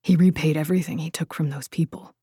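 A woman voicing a guarded young warrior who speaks in hushed, clipped whispers. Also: low-pitched, fairly even intonation, quick pace, slightly rough, dry recording, clean studio sound. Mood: hushed, wary.

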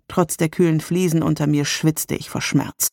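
A narrator reads a first-person story in a calm, measured way. The sound is dry and close, with no echo, and the pitch sits in a middle range. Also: creaky.

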